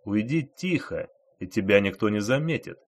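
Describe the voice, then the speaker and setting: A man voicing a calm, composed male inspector who speaks quietly and evenly, in an audiobook. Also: lowish voice, normal speed. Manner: quiet, level, controlled. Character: calm, composed male inspector, unshaken even when wounded.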